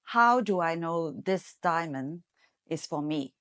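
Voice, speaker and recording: A middle-aged woman from Hong Kong, a marketing executive giving measured, explanatory interview answers. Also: deep voice, animated, fairly bright tone, clear, resonant tone. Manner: measured, explanatory, with some fillers.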